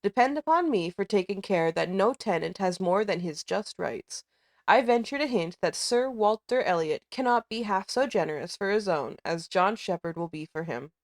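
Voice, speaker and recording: A woman's voice: mid-range voice, expressive, normal speed, no room sound, clean studio sound, lightly acted. A woman reading a storybook part as a deferential, long-winded, formal man of business eager to please. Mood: reassuring.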